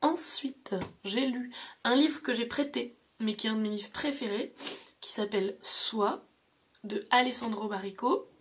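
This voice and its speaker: A woman's voice: a little high, measured pace. A young woman chatting casually to camera as a book vlogger, listing the books she has read with frequent fillers. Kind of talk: casual reading-challenge vlog.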